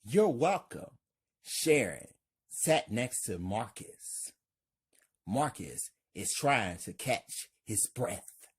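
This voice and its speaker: A woman narrates a horror script in a deliberate, stage-direction manner. Her voice is very deep for a woman and husky, and she reads at a very slow crawl while her pitch still rises and falls a lot. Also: lively intonation. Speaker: horror story reader.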